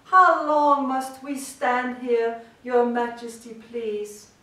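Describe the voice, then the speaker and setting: Woman doing a timid little turtle begging slowly, soft high voice. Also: fairly even intonation. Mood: pleading. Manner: pleading, soft. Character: meek small male turtle in pain. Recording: echoey room from far off.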